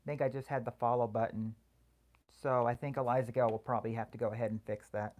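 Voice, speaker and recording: A livestream host with a soothing, slightly mellow voice at middle pitch chats casually with viewers, answering comments one by one. The speech is halting and hesitant, with frequent restarts and a flat delivery.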